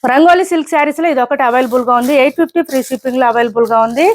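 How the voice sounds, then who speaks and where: A woman showcases sarees in an online sales video. Her voice sits high and she talks quickly, rattling off details and repeating each price. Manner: brisk, repetitive price callouts. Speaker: saree seller.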